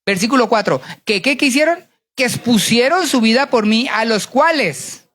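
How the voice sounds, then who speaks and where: A woman preacher giving a sermon, lively and quizzing the congregation with call-and-response questions before telling a story. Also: fairly high pitch, moderate pace.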